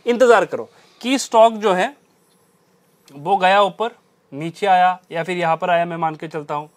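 High-voiced man explaining trading. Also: measured pace. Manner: emphatic, repeats key phrases. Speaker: trading instructor. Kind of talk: explaining trading strategy on a chart.

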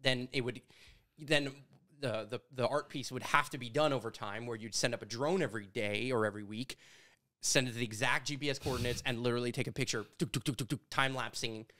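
A man in his thirties from Canada, talking through ideas in a casual conversation at a studio boom mic, animated and gesturing as he tells stories. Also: quick pace. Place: studio with brick walls. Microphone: studio mic on boom arm.

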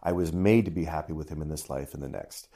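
A man's voice: rumbling low, fast talker, mellow. A middle-aged man, a priest co-hosting a podcast, talking in a casual chat with dry, wry humor. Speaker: priest co-host.

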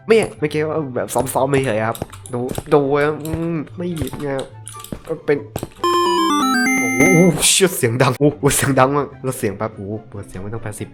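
A young man casually commentating web games as he plays them, excitable and joking, often swearing at himself. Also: mid-range voice. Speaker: gaming channel host.

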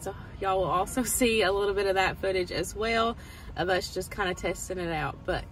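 In a poor-quality recording, a Southern US woman with a mid-range voice does casual vlog chat about her shopping. Informal and enthusiastic, she remarks on products and what they cost.

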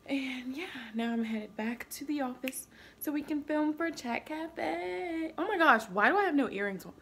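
A woman's voice: high voice, expressive, normal speed, gravelly, a bit bright, slight background noise. A woman in her twenties chatting casually in a vlog, full of fillers like "um" and "like". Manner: chatty, filler-heavy, drops to a whisper on set. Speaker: vlogger and producer. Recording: music playing underneath.

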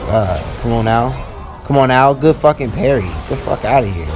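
A young man rants through a tough stretch of a video game, cursing and complaining as he plays. His voice sits at a middling pitch and leaps higher whenever he gets irritated. Faint game music plays behind him. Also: animated, moderate pace. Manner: frustrated, profane ranting, pitch jumps when annoyed. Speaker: gaming YouTuber. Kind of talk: live commentary over gameplay.

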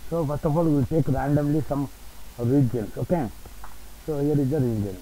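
A man's voice: on the high side, moderate pace, dark tone, a little hiss or hum, rough recording. A man presenting an unscripted spreadsheet tutorial, dictating keystrokes and entries word by word. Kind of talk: unscripted screen-recorded tutorial.

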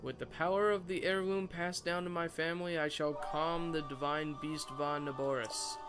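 A man's voice: fairly high pitch, flat delivery, normal speed, natural voice. A man reading the lines of an earnest young girl chief from a video game, with solemn emphasis. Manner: reads dialogue aloud with solemn emphasis. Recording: game music playing loudly behind.

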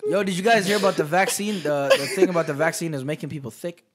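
A young man talks casually as a podcast guest in the small hours. His voice sits a little high for a man, and his joking delivery often drops low and quiet. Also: fast talker, crowd noise. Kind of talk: casual late-night chat.

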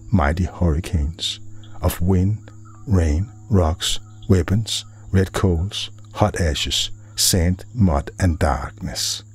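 Very deep-voiced monk narrating a story. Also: male voice. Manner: dramatic, deliberate reading. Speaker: Buddhist monk.

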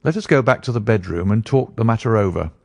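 A man voicing a sharp, commanding male detective who speaks briskly and insistently. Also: lowish voice, expressive, no room sound, studio quality.

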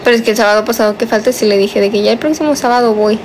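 Late at night in a small bedroom, a nineteen-year-old woman streams on a phone held close in selfie framing, reading viewer comments in a chatty, teasing way. Her slightly high voice lingers on some words. A faint air-conditioner hum sits beneath her speech.

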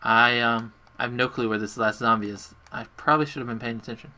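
A young man with a very bright, forward voice chats through a live gaming session from his bedroom. He is casual and self-deprecating, talking to his viewers while he plays. Keys clack faintly in the background. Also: mid-range voice, steady tone, quick pace. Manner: chatty, self-deprecating, talks to chat while playing. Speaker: gaming livestreamer. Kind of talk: casual live gameplay commentary. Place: bedroom at home.

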